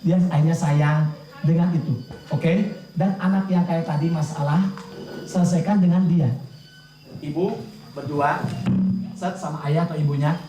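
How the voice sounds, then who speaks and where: A man's voice: on the high side, faint music behind. Man lecturing parents in an echoey hall. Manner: animated, addresses audience with quick questions. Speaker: parenting speaker. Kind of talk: seminar talk to parents. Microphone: distant from the mic. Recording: echoey hall, distant mic.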